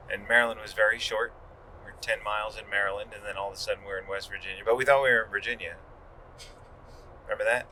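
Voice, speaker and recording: A man's voice: lowish voice, bright, forceful tone, slight background noise, low-quality recording. A middle-aged man co-hosting a father-daughter podcast, recounting routes and facts in a matter-of-fact way with dry humor. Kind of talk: casual chat.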